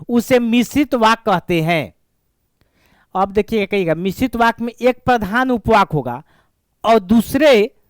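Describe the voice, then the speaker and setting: Male grammar teacher, smooth and clear, drills by question and answer. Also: very high-pitched, a bit bright, dry recording, clean studio sound. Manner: repetitive, asks and answers his own questions. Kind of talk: classroom grammar lesson.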